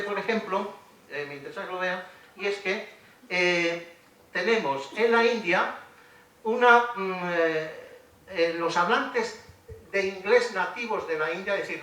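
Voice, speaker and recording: With a high, sharp-toned voice, a middle-aged lecturer speaks ironically to a lecture hall during a public university talk, hesitating and restarting often. The recording, from a distant mic, is echoey with faint noise.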